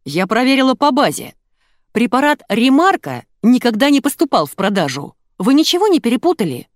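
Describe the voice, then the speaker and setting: A woman voicing a prim, easily offended woman pharmacist who speaks slowly and plaintively. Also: a little high, sing-song, no echo, voice pushed up.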